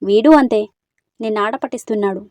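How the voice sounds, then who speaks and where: A woman's voice: a little high, fast talker, darkish tone, dry recording, lightly acted. A woman voicing a teasing, level-headed young woman friend in a storybook reading. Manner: teasing and reassuring.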